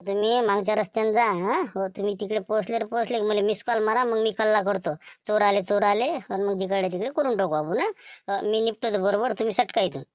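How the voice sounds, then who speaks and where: A man's voice: high voice, fairly quick, dry recording, studio quality, natural voice. A man with a Varhadi Marathi accent playing a sly scheming undercover servant in a village comedy sketch, wheedling and sprinkling his talk with little fillers. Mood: plotting.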